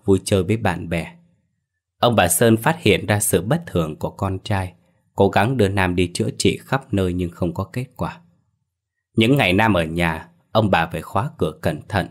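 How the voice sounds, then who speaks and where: A man with a very low, deep voice narrates a scripted ghost story. His delivery is steady and somber, and he moves evenly through the scenes.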